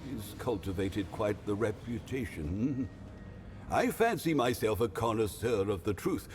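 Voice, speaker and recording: Low, theatrical shady informant. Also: male voice, noisy background. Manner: dramatic, knowing, drawn-out storytelling. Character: shady, grandiose male underworld informant spinning rumours. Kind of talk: video game character dialogue.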